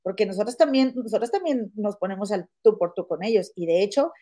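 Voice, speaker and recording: A woman hosting a casual gossip podcast, chatty and animated, often calling her listener "comadre". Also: medium pitch, fairly quick. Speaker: podcast host.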